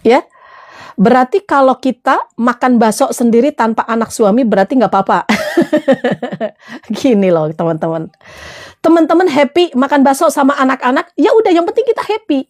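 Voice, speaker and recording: High-voiced chatty woman trainer laughing. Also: animated, moderate pace. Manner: chatty, laughs often, answers viewer comments. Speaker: motivational trainer. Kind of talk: casual motivational talk to followers.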